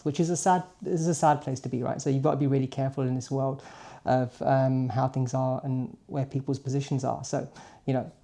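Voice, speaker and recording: Speaking in a mellow, mid-range voice, this car vlogger in his late forties, whose native language is Punjabi, runs through a casual daily monologue for his viewers. He keeps it chatty and informal, frequently tacking on questioning tags to check in.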